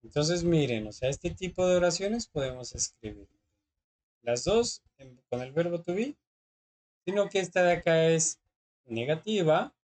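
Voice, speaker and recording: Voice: medium pitch, expressive, unhurried, a little mellow. A teacher, patiently explaining English grammar in class and often checking that students follow. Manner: patient, often checks understanding with short questions.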